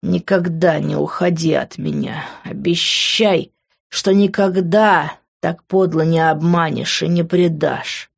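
An intense, possessive young lover, as a woman reader lowers her voice for him, dropping deep and hushed. He presses and pleads, hungry for promises. The sound is a little dull and lo-fi, like a home-recorded audiobook. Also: fairly even intonation, slow pace, gravelly, breathy edge, exaggerated voice. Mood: pleading.

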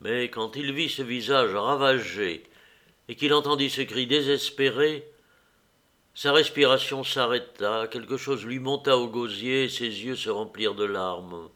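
A man's voice: medium pitch, a little slow, sharp tone. Man reading a classic novel aloud. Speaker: audiobook reader. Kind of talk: literary narration.

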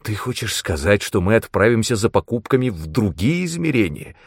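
A man's voice: lowish voice, sing-song, brisk, breathy edge, no room sound, clean studio sound, heavily acted. A man voicing an eager young male magician's apprentice in an audiobook, pleading and enthusiastic. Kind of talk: audiobook character reading.

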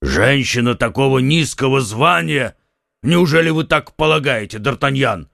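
A man voicing a boastful, loose-tongued young musketeer in an audiobook, teasing and loud-mouthed. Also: mid-range voice, animated, unhurried, vocal fry, no room sound, clean studio sound. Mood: mocking. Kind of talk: audiobook character reading.

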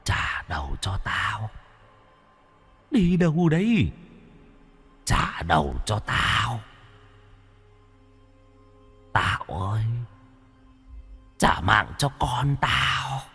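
A man voicing a vengeful old woman ghost in a slow, menacing, breathy whisper. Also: lowish voice, sing-song, pushed and bright, big-room sound, soft background music, exaggerated voice.

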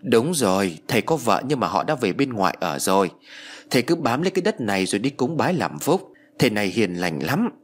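A man's voice: fairly low pitch, sing-song, brisk. Man doing a chatty old village neighbor woman, matter-of-fact, ghost story audio.

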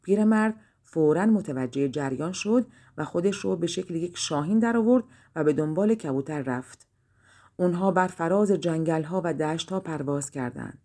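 A woman narrating a fairy-tale audiobook in a calm storytelling manner. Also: sits low.

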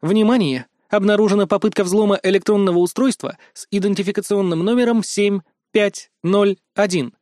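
A man voicing a female AI unit that reports in a flat, formal, clipped way in an audiobook. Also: high voice, a little fast, hardly any pauses, dry recording, clean studio sound, voice pushed up, close to an everyday voice. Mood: detached. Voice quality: clipped, formal machine diction. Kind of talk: audiobook character voice.

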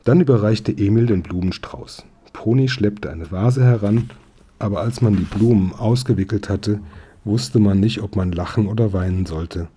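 A man reading a children's story aloud as narrator in a calm, even manner. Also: fairly low pitch, moderate pace, slightly rough. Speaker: audiobook reader.

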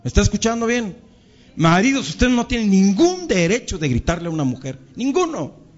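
A man's voice: high-pitched, very animated, moderate pace, lo-fi sound. A male pastor with a Mexican Spanish accent preaching to his congregation, calling them brothers and acting out quarrels between spouses. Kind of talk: sermon.

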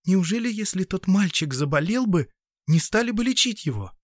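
A man voicing a gentle, tearful young woman who speaks softly and pleadingly in a hushed tone. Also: sits high, expressive, normal speed, no echo, clean studio sound, voice pushed up.

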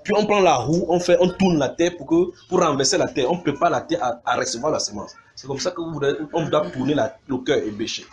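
A man preaching a sermon, animated, mimicking sounds and calling out to his congregation. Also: fairly high pitch, a little fast, hardly any pauses.

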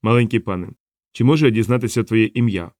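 A calm male explorer speaks in a quiet, measured tone, as a male narrator reads him. The voice sits a touch lower and softer than the narration. The recording is dry and close. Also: no echo, lightly acted.

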